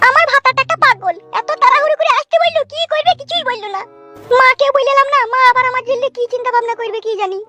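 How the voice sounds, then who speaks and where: A woman voicing a pushy young village wife, squeaky and insistent, in a comic cartoon. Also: fast talker, bright, forceful tone, soft background music.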